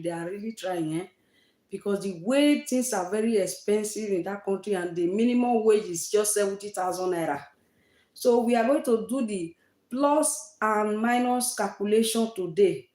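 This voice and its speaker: A woman's voice: mid-range voice, dark tone, roomy sound. A woman from Nigeria with a Nigerian accent, hosting a casual livestream chat and repeating herself for emphasis. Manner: repetitive, emphatic, uses Nigerian fillers like eh and oh. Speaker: live-stream host.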